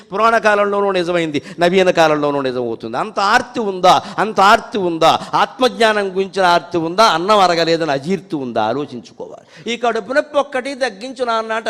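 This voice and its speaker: A man with a Telugu accent delivers a devotional discourse in a high voice. Between his plain explanations he slows down to chant verses with fervour. The sound carries a long hall reverb. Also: a bit bright. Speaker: spiritual speaker.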